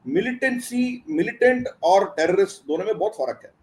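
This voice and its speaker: A man with a notably high voice talks through his views as an interview guest. He pauses often, fills gaps with hesitant sounds, and builds his points slowly. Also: lively intonation, darkish tone. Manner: hesitant, many filler sounds, explanatory. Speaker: guest commentator. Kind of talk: interview answer.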